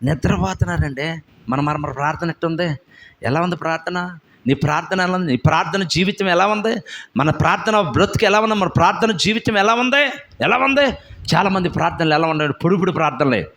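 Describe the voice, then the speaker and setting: A male pastor giving a fervent sermon. He swings between loud shouted climaxes and quiet low asides, repeats phrases, and puts questions to the congregation. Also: brisk.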